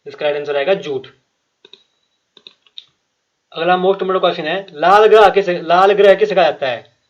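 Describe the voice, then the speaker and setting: A man with a fairly high voice runs an exam-prep quiz lesson, reading out each question and its options before explaining the answer. He repeats himself often and talks straight to the viewers. The recording sounds muffled and lo-fi. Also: normal speed. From Himachal Pradesh. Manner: frequent fillers and restarts, addresses viewers directly. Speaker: quiz teacher.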